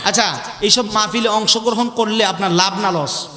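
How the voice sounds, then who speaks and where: A man's voice: high voice, moderate pace, pushed and bright. A male preacher giving a sermon at a large religious gathering, calling out questions to the crowd and mimicking regional dialects. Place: large gathering under a tent. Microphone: handheld or stand microphone with PA. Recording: echoey PA sound in a big space.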